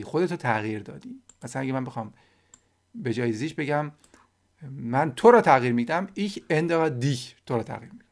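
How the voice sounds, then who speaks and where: A Persian-speaking man leads a German lesson. His voice sits at an ordinary middle pitch. He reads German sentences slowly and deliberately, then rattles off quick, relaxed explanations in his own language. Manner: switches between slow, careful German example sentences and quick Persian explanations.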